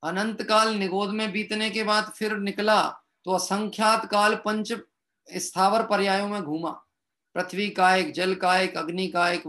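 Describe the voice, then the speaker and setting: A man's voice: high voice, pushed and bright. A man teaching a religious discourse online, reading from a text and explaining it, and often asking his listeners questions that he answers himself. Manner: reads from a text and then explains it. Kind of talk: scripture discourse. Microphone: online streamed talk.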